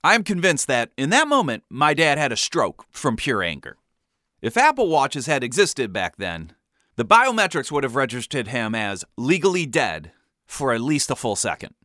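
A man from the US Midwest tells a comic family story. His pitch swings widely as he delivers deadpan, overblown asides. The tone is bright and the recording close and dry. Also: normal speed, no room sound.

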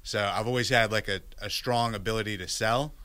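Low, flat-voiced man, bright and clear. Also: brisk, dry recording. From Virginia, United States. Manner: candid, restarts with many fillers. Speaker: guest. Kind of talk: casual interview.

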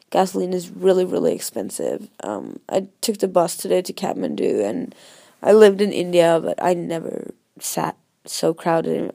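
Woman, non-native English speaker, hoarse with a cold, heavily gravelly and creaky, mellow, casual hesitant vlog chat. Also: fairly low pitch, no echo, studio quality. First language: not English. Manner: informal, rambling, hesitant. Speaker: travel vlogger. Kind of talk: casual talk to followers.

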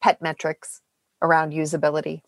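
A woman hosting a podcast interview, asking her questions in a lively, joking, animated way. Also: low-pitched, moderate pace, no room sound. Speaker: podcast host. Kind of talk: casual interview chat.

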